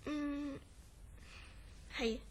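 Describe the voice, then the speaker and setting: In a Cantonese horror radio drama, an actress plays a concerned young woman gravely describing her troubled friend. She speaks with a Hong Kong accent in a measured, polite way, her voice high-pitched and steady. The mood is earnest and grave.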